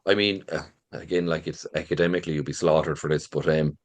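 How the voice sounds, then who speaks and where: Irish man, middle-aged, deep voice, lilting informal storyteller delivery, very dry sound. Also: fairly even intonation, fast, no echo. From rural Ireland. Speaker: visitor centre manager and local folklore storyteller.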